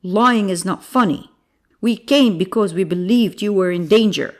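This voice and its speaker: A woman's voice: mid-range voice, normal speed, close to an everyday voice. A woman doing a stern old farmer. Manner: firm, scolding. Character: stern old male farmer, firm and disapproving. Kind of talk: storybook reading.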